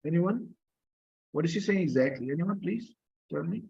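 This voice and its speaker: A man's voice: on the high side, expressive, normal speed, creaky, a little mellow, breathy edge, muffled recording. A man teaching an online French class, patiently coaxing students for answers, with many fillers and coughs. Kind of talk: live online class lecture.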